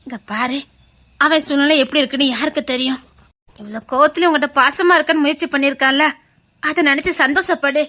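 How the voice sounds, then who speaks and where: A woman's voice: high-pitched, brisk, bright, forceful tone. A woman playing a firm, soothing aunt. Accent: Tirunelveli Tamil. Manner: soothing yet lecturing, reasoning patiently. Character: consoling aunt, practical and firm. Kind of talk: web series drama acting.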